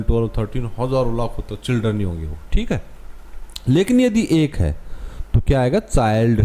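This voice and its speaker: A man's voice: medium pitch, dark tone. A man with an Indian accent teaching English to young pupils, patiently repeating words and spelling them out letter by letter.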